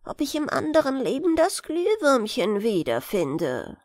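A woman's voice: high voice, wildly swooping pitch, a little slow, dry recording, studio quality, exaggerated voice. A woman reading a sad, dying little male beetle who was once a star, in a lamenting, pleading tone. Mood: mournful.

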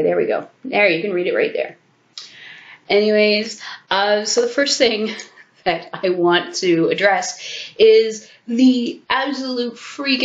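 A woman in her thirties with a low-ish voice is sick, with a sore throat and congestion, and talks frankly to her webcam from a small room at home. She swears freely and laughs between asides in casual talking-head commentary, captured with dull, echoey lo-fi webcam sound at desk distance.

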